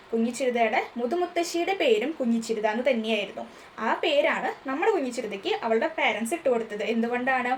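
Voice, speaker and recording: A woman tutor with a Malayali accent, explaining a textbook story to a class and answering her own questions. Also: fairly high pitch. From Kerala, India. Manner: asks questions and answers them herself. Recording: faint ambient noise.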